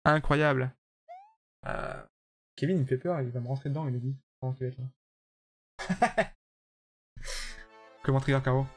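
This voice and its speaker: Soft music sits under this medium-pitched, slightly rough voice, which stays fairly even, moves at a moderate pace, and pauses often. The man is live-streaming a level-making platform game, chatting casually, responding to chat by name, and bluntly rating viewers' levels.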